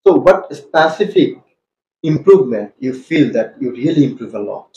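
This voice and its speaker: A Bangladeshi man, an English teacher, testing students' speaking and explaining to viewers, mixing Bengali and English in a calm questioning way. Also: a little high, very slow, dull audio. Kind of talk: oral test and explanation to viewers. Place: classroom. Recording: echoey classroom with faint ambience.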